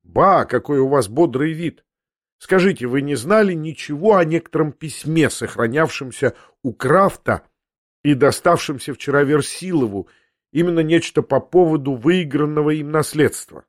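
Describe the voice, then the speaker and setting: A man's voice: fairly high pitch, expressive, normal speed, no room sound, studio quality, close to an everyday voice. A man reading the lines of a cheerful, sincere young man in an audiobook, telling news earnestly.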